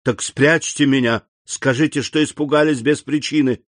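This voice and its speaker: A man's voice: medium pitch, fairly even intonation, normal speed, no room sound, clean studio sound, close to an everyday voice. Fields: Figure: a desperate young fugitive, read by a man. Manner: frantic, pleading. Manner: frantic begging, later cool scorn.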